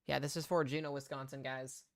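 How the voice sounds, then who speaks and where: A man with a clean, clear voice at a middling pitch commentates live on severe weather as a stream host. His delivery is informal, moving between muttered asides and emphatic calls. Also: flat delivery, brisk. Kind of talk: live storm coverage commentary.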